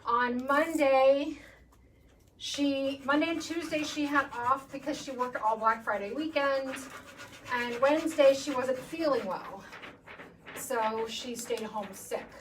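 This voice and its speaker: A chatty woman hosts a live furniture painting demo, reading viewer comments aloud as she works. Her voice sits a little high and comes from a distance. There is some room noise behind her in the paint room. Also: slow. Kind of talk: casual live demo chat. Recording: distant mic with background noise.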